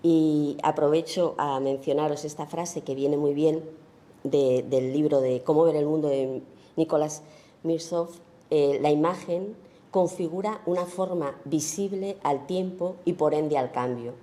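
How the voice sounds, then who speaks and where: A woman from Spain speaks at a festival talk about her photography, feeling her way through each thought with frequent fillers and rhetorical tag questions. Her voice sits low and soft, with a dark, mellow tone. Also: fairly even intonation, unhurried. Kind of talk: informal lecture on her own work.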